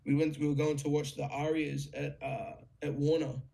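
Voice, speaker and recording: A young man with a gravelly, slightly higher voice, telling a story in an excited, casual way. He swears freely and leans on lots of fillers as he talks. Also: moderate pace. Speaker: guest musician.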